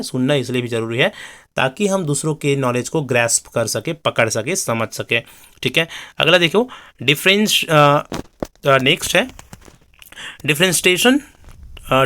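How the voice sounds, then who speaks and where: A man teaching an exam-prep lecture, explaining in Hindi and reading English definitions out slowly, with frequent check-ins and fillers. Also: mid-range voice, fairly bright tone.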